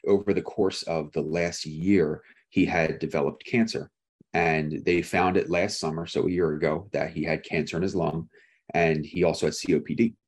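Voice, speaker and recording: A man preaching a sermon. He speaks casually and tells a personal story, with frequent "like" and restarts. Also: low voice. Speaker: pastor.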